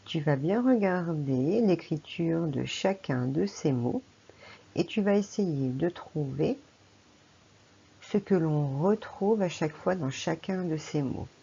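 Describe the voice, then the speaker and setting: A woman's voice: deep voice, lively intonation, slow, gravelly, mellow, breathy edge, muffled recording. A French woman teacher giving a patient phonics lesson to a young child, speaking to the child directly. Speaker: primary school teacher.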